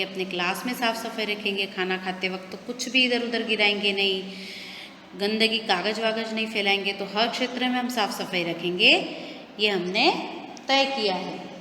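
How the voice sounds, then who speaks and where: A woman teacher with a bright, forceful voice explains a lesson to small children. She keeps rephrasing each hard word in plainer terms and checks that they follow. The sound is roomy, with a long reverb tail. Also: mid-range voice, fairly even intonation, normal speed, a little hiss or hum. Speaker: primary school teacher.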